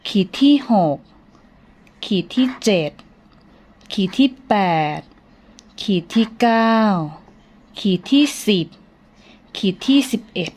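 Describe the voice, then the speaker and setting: A woman teacher speaks slowly and patiently to young children, counting strokes aloud in a sing-song way. Her voice sits a little high, and her tone is polite and coaxing. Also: animated, darkish tone.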